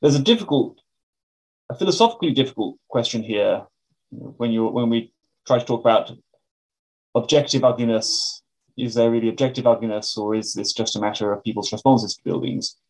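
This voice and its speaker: British male academic as interview guest: donnish, mid-pitched, explains with careful qualifications. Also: fairly quick, low-quality recording.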